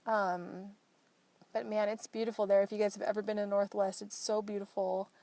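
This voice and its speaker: A young woman talks alone in her car, frank and fed up, swearing as she vents. Her voice sits at an ordinary middle pitch. The sound is dry and close, with no room around it. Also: flat delivery, normal speed, dark tone, dry recording. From Portland, Oregon. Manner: frank, exasperated storytelling with swearing. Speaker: podcast host. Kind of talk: casual solo chat. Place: inside a parked car.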